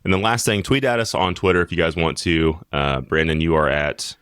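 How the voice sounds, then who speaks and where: Very deep-voiced man on a podcast. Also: steady tone, a little fast, a bit bright, clear, resonant tone, no room sound, studio quality. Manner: friendly, chatty, many fillers. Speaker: podcast co-host. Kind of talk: casual podcast chat.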